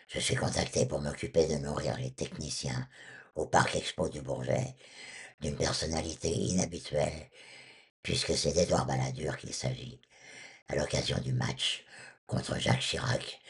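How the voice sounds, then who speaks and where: A man with a honking, duck-like, husky voice from vocal cord surgery, telling anecdotes as an interview guest. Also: very deep voice, steady tone, normal speed. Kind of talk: storytelling in an interview.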